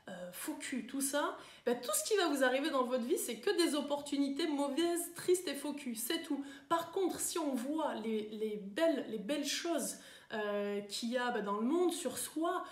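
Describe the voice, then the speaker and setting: A woman's voice: sits high, echoey room. A woman coach talking to viewers in a chatty way, with many fillers and tag questions. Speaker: coach giving self-improvement advice. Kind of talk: live talk to viewers.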